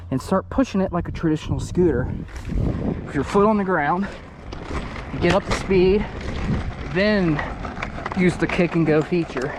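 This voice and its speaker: A young man vlogging outdoors in a casual, chatty and upbeat way, a bit out of breath. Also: fairly high pitch. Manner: upbeat, chatty, laughs often. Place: outdoors on pavement. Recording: outdoor noise behind.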